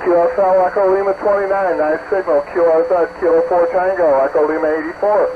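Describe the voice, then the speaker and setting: A high-voiced man runs ham radio contacts over shortwave, his words squeezed thin and phone-like by the signal. He speaks in brisk, procedural bursts of phonetic letters and repeats himself often. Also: steady tone. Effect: shortwave radio transmission. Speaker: amateur radio operator running contacts. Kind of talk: clipped radio call exchanges with phonetic letters. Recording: noisy, narrow-band shortwave radio signal.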